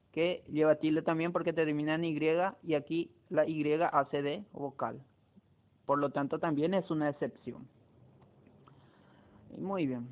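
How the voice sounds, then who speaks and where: Man teaching a spelling lesson over a tinny line. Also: on the high side. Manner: explains step by step, with frequent hesitations and restarts. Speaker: Spanish teacher. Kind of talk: classroom lesson on spelling rules. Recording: tinny phone-like recording.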